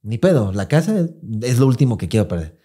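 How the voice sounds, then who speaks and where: A man's voice: medium pitch, brisk, husky. A man with a Mexican Spanish accent, a podcast co-host telling a personal story in casual, swearing, slang-filled chat, acting out what people said. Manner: swearing, slangy, animated retelling with acted quotes.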